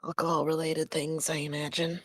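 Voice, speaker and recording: A woman's voice: low voice, little pitch movement, a little fast, fairly bright tone, no echo. A woman playing a tabletop role-play game in character, a little prim and questioning.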